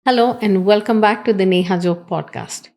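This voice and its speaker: A woman's voice: medium pitch, moderate pace, creaky, a little mellow. A woman hosting a podcast, delivering a scripted welcome and then interviewing her guest. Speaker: podcast host.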